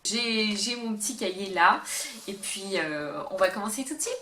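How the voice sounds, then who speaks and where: A woman's voice: mid-range voice, animated, normal speed, over loud music. A woman vlogger chatting to the camera in a casual, upbeat way about travel tips, often hesitating mid-sentence. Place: indoor room, talking to camera. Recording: roomy echo with faint background hum.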